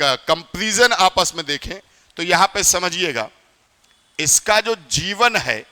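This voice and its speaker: Lecturing a classroom in north Indian Hindi, a male teacher with a high, bright voice is chatty and quizzes his students often. The long reverb of a hall rings around his voice.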